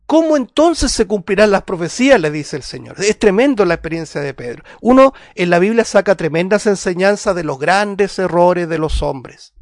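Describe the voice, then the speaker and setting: A man preaching a sermon, reading scripture aloud and calling his listeners brothers, earnest, rising loud for emphasis and dropping quiet for asides. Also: high voice, animated, normal speed, hardly any pauses, no room sound, clean studio sound.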